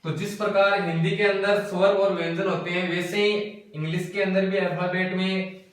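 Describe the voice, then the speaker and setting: A man's voice: high voice, level tone, moderate pace, a bit bright. A man teaching an English grammar lesson step by step, repeating key words and asking questions that he answers himself. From India. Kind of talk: classroom lesson explanation. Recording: very echoey room, voice from a distance.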